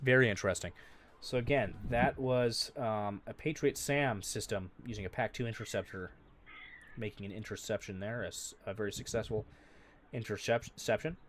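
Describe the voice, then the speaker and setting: A man's voice: on the low side, moderate pace, fairly bright tone. A man hosting a live breaking-news stream, reading viewer comments aloud and talking unscripted with frequent fillers. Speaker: livestream news host.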